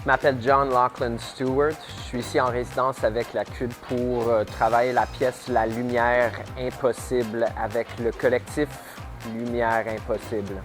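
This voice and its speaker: A man's voice: medium pitch, level tone, moderate pace. Hesitant man over music. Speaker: playwright in residence. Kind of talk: interview testimonial.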